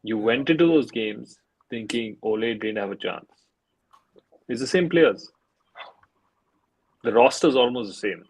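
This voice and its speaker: A man's voice: medium pitch, animated, measured pace, pauses often, slightly rough, poor audio. A man co-hosting a football podcast in casual chat, insistently arguing his point. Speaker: podcast co-host.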